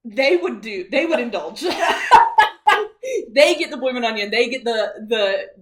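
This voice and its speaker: A woman in her thirties with a slightly raised pitch co-hosts a podcast. She talks in loose, wry banter, often poking fun at herself with a laugh. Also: lively intonation, unhurried. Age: 30s. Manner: self-mocking, laughs often. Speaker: podcast co-host. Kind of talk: casual chat.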